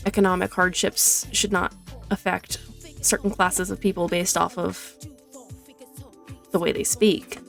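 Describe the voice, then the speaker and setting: A young woman rambling casually through gaming commentary, chatty and full of tangents, enunciating clearly. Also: on the low side. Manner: chatty, tangent-prone, self-deprecating. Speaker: gaming streamer.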